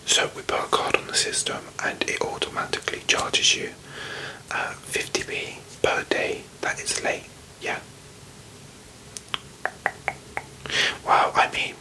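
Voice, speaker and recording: A British performer in a whispered role-play, voicing a strict, officious, slightly condescending librarian in a hushed library whisper. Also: close to an everyday voice, poor audio. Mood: stern, distrustful.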